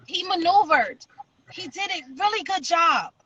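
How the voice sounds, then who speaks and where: A woman's voice: very high-pitched, expressive, a little slow, pushed and bright, dull audio, a little hiss or hum. A woman guest on a live talk show, crying as she tells an earnest personal story with insistent emphasis.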